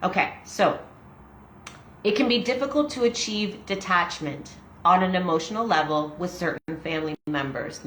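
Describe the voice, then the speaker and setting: A woman's voice: deep voice, a bit bright, a little hiss or hum. Chatty woman in her forties, echoey room. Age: 40s. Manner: chatty and self-disclosing, with laughs and frequent fillers. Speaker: host reading a daily meditation book. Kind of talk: casual reading with personal reflection.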